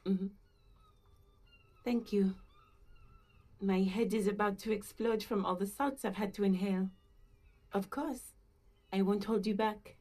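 Here the same kind of role appears: a woman acting out an uneasy, politely hesitant working-class gardener for a video game, her manner understated and reserved. The delivery is medium-pitched, steady, and unhurried, with long pauses, a darkish tone, and only light acting.

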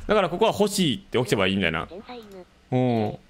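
A man's voice: mid-range voice, sing-song, fast. A man with a Kansai accent chatting casually as a streamer, laughing and gushing as he reacts to a video.

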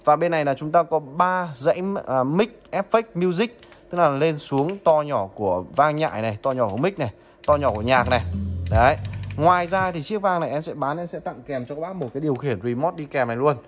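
A man demonstrating audio equipment in a chatty sales pitch, often checking in with viewers. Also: animated, a little fast, soft background music. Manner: chatty, addresses viewers as "các bác", frequent "được chưa?". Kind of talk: product demo sales pitch.

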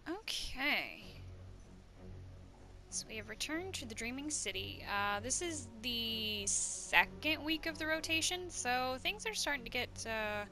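A woman's voice: a little high, expressive, a little slow, bright, forceful tone, soft background music. A woman hosting a casual let's play, thinking aloud as she commentates. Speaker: host of a gaming channel.

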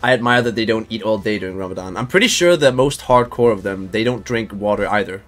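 A man's voice: lowish voice, expressive, quick pace, fairly bright tone, faint music behind. Laid-back man streaming a game. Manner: loose and chatty, swears, laughs often, many restarts. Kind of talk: casual live-stream game commentary.

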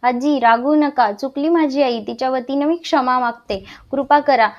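A woman voicing the queen's gentle young daughter, pleading and apologetic in a storybook reading. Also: high-pitched, moderate pace, muffled recording.

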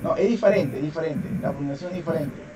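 Male teacher on a video call, high voice, unhurried, patient drilling; slightly distant mic with faint noise. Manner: patient, repeats words over and over for drilling. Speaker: English teacher. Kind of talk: online class.

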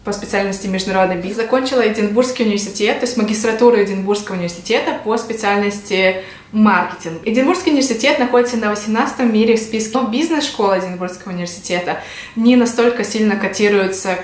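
A Russian woman in her twenties, a vlogger, talks casually to the camera and explains things from a small indoor room at home. She speaks quickly at a medium pitch. The home room gives the audio an echo.

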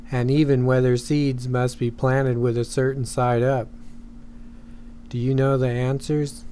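A man giving a measured, evenly paced scripted narration for a history course. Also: mid-range voice, a little hiss or hum. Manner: measured, even reading.

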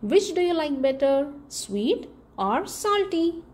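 In a high voice, a female channel host reads a picture book aloud to small children, emphasizing key words, asking them questions, and keeping her reading expressive and deliberate.

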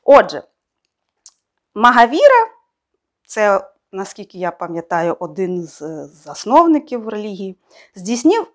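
A young adult woman reviewing a book in a casual spoken way, hesitant and thinking aloud, often pausing on fillers and correcting herself. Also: medium pitch, lively intonation, a little mellow.

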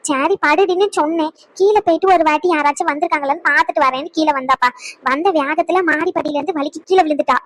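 A woman's voice: high voice, fast talker, lightly acted. A woman voicing an anxious middle-aged mother in a cartoon, talking in a fretful, confiding way. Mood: worried. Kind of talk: cartoon voice acting.

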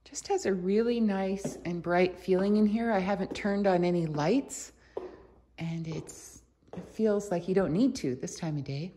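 Walking through the rooms with a phone or handheld camera in her own hand, a real estate agent narrates an unscripted, casual house tour, chatting and thinking aloud. Her voice is fairly low and dark, and she talks a little slowly. The recording is clearly noisy.

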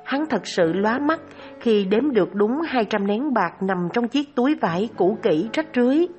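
Lady reading out a buddhist moral story, calm steady telling, soft music playing low under it. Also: moderate pace, lo-fi sound. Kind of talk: narrated Buddhist moral tale. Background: soft instrumental music.

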